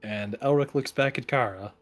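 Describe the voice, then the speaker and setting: Game master narrating over soft music. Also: mid-range voice, normal speed.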